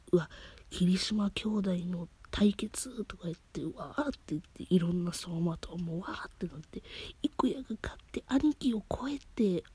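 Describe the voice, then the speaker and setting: A woman with a Kansai accent, talking softly in a whisper at home late at night, rambling as an emotional fan after crying. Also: mid-range voice, breathy edge, dry recording. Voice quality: soft, whispery. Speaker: podcast host. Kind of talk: casual late-night monologue.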